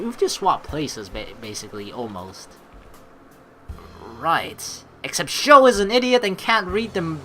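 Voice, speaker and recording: Her low, fairly bright voice carries a little hiss or hum as she hosts a gaming video. She reads the narration aloud and reacts theatrically and chattily over faint game music.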